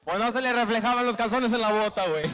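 Stand-up comic, male, northern Mexican accent, very high voice, slangy crude storytelling. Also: fast, a bit bright, muffled recording, faint music behind. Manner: crude slangy storytelling, constant filler tag; acts out women in a higher squeal. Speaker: stand-up comedian. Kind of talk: stand-up comedy monologue.

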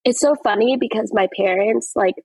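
A young actress appears as a podcast guest in a casual interview, chatting and telling stories, laughing often and saying "like" a lot. Her voice is on the high side, husky and darkish, at a moderate pace, with no echo but poor audio.

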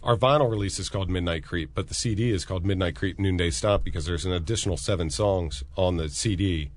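A man, a guitarist in a band, chatting casually in an interview, relaxed and rambling with many restarts. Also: low voice, fast. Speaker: musician guest.

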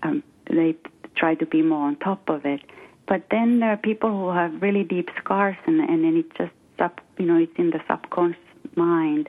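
Finnish-accented woman, middle-aged, lowish voice, hesitant interview guest, phone-line sound. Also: brisk. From Finland. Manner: hesitant, many fillers and restarts. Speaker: guest financial coach. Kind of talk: casual interview talk.

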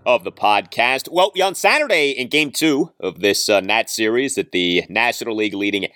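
A man with a lowish voice hosts a sports podcast. He delivers his recap with emphatic, deliberate phrasing and very lively intonation. The sound is close and dry. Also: no room sound.

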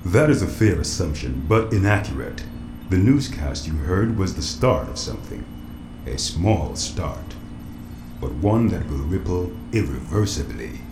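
A man playing a deep, echoing android bunker computer. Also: big pitch swings, heavily acted. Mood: grave. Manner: android-like, formal, measured, emotionless delivery. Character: calm male android computer running a doomsday bunker. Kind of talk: audio drama acting. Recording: roomy echo, noisy background.

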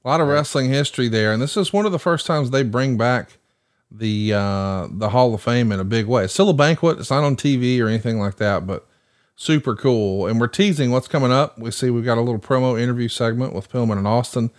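A man's voice: medium pitch, brisk. A man hosting a podcast, giving casual watch-along commentary and reading sponsor spots. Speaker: podcast host.

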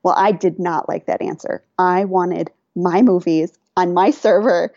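Woman telling a story, mellow and dull. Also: fairly low pitch, measured pace, no room sound. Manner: animated, laughs often, quotes herself and others. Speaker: podcast guest. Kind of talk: casual storytelling.

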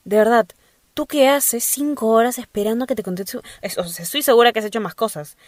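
A young woman hosting a podcast in a casual, playful monologue full of quick asides. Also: fairly high pitch, lively intonation, dry recording. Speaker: podcast host.

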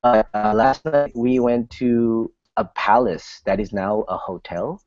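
Casual chatty guy from sri lanka, lowish voice, keeps laughing, dry muffled sound. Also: a little slow, darkish tone, dry recording, soft background music. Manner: chatty, rambling, laughs between phrases. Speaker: traveling podcast co-host. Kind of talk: casual chat. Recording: dry, muffled lo-fi podcast audio.

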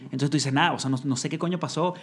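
A man with a Venezuelan accent, a singer guest on a podcast, telling a story in animated casual chat full of swearing. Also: fairly high pitch, very fast, slightly rough.

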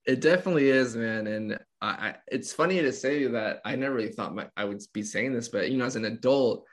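A man in his twenties, a guest speaking earnestly and openly in a casual talk, pausing and restarting as he goes. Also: medium pitch. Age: 20s. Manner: earnest, open, halting with restarts. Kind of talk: casual conversation.

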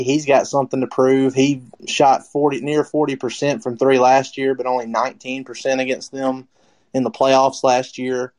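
A man's voice: medium pitch, a little mellow. A man hosting a casual sports talk show, rambling with lots of fillers and restarts as he calls on his co-hosts. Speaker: podcast host.

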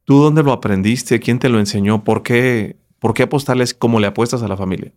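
A man's voice: medium pitch, a little fast, a little mellow. A man hosting an interview, asking earnest, probing questions. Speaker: host.

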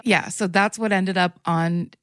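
A woman's voice: on the low side, fairly even intonation, unhurried, fairly bright tone, clean tone, no echo, clean studio sound. A woman comedian telling stories in a casual interview, rambling and self-mocking, laughing often. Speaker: guest comedian.

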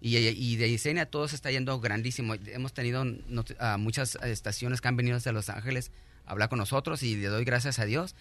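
This middle-aged radio guest recounts his personal story in an earnest, halting manner, full of false starts and thank-yous. The pitch sits in the middle, the intonation stays fairly even, and the tone is fairly bright.

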